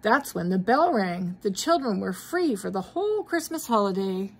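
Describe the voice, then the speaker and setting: Reading to her grandkids, this grandmother has a mid-range, sing-song voice with a breathy edge and a normal pace. She's middle-aged or older, has a mild cold, and breaks off from the story expressively to quiz her young listeners.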